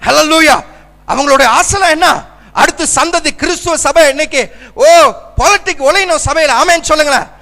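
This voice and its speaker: A male pastor delivers a fervent sermon, pushing his congregation to answer with amens. His voice sits very high and rings bright and forceful. The church's long reverb trails after every phrase. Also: normal speed, vocal fry. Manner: fervent preaching, keeps calling for amens.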